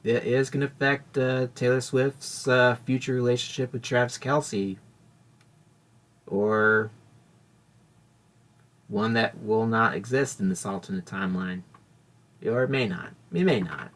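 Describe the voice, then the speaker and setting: A man's voice: mid-range voice, steady tone, unhurried, pauses often, fairly bright tone. A man hosting a casual solo podcast, rambling and correcting himself as he talks. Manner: rambling, self-correcting, chatty. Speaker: podcast host.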